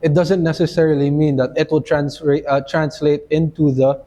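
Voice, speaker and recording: A man's voice: a little high, little pitch movement, normal speed, mellow. A man hosting a podcast in casual chat, talking loosely with lots of "you know" fillers. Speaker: podcast host. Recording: dull lo-fi sound.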